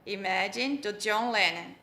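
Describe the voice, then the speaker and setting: A Brazilian woman who teaches English, explaining her method in a lively, teacherly way and quizzing the host. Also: mid-range voice, slow, creaky. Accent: Brazilian Portuguese. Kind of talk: explanatory interview talk.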